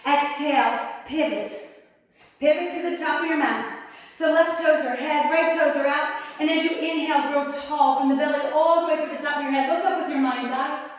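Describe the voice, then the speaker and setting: A woman teaching a yoga class, giving calm, encouraging cues with slightly strained breath as she holds the poses herself. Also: high voice, fairly quick, very echoey, big-room sound, far from the mic, poor audio. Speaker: yoga instructor. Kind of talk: guided yoga class instruction.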